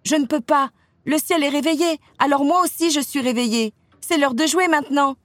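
A woman reading a storybook aloud, voicing an eager little girl who pleads in a high, excited voice. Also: moderate pace, husky, no echo, full character voice. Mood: eager, pleading.

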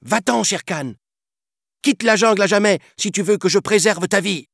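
Man playing a bold young jungle boy, raised high voice, eager and defiant, dry recording. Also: normal speed, creaky, a bit bright, no echo, heavily acted. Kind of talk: storybook narration.

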